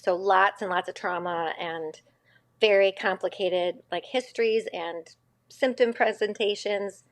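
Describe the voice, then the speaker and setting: Unhurried and medium-pitched, this woman in her fifties is a Connecticut school psychologist appearing on a casual podcast. She rambles as she talks and keeps correcting herself.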